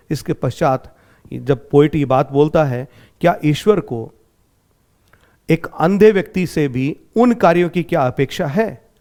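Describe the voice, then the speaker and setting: Indian guy lecturing for exam prep, high voice, repeats stuff slow and simple. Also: a little mellow. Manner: asks questions and answers them himself; repeats key points slowly in simple words. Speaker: teacher.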